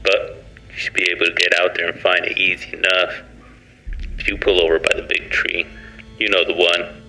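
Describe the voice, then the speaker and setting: A man voicing a gruff, drunk rural ex-convict in a scary story, with a gravelly voice and a folksy, offhand manner. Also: low voice, flat delivery, moderate pace, sharp tone, exaggerated voice, poor audio. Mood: casual, wary. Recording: music behind the voice.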